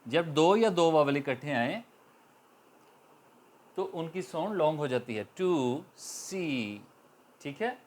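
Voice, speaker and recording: A man from Pakistan with a Pakistani accent giving a slow, patient grammar lesson, drawing out each example word. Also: a little high, animated, a little mellow. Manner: slow, patient explanations with repeated drawn-out example words. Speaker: teacher. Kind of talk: classroom grammar lecture.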